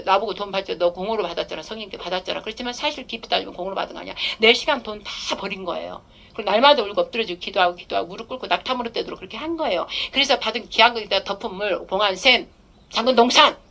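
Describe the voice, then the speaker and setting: A woman's voice: medium pitch, vocal fry, a bit bright. A middle-aged woman pastor preaching a testimony sermon in an emphatic, conversational way, acting out prayers aloud.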